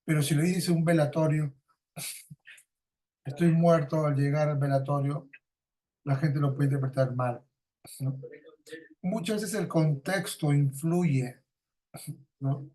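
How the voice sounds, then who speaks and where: A male teacher with a fairly high-pitched voice lectures a class. He repeats points to drive them home, draws on everyday examples and ends almost every sentence with a checking "no?". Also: steady tone, a little slow, pauses often, warm tone. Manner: tags nearly every sentence with a questioning "¿no?".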